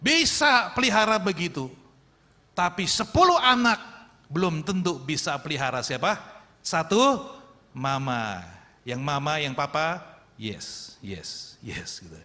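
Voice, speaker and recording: A man preaching a sermon as pastor, lively and acting out quoted voices as he addresses the congregation. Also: fairly high pitch, unhurried. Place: church sanctuary. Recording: echoey church hall.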